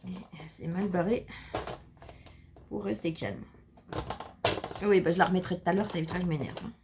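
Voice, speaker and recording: Indoors behind shutters closed against the heat, a woman casually presents her scrapbooking haul, listing colors and numbers and making self-deprecating jokes. She has a lowish voice at a moderate pace, and the recording is very noisy.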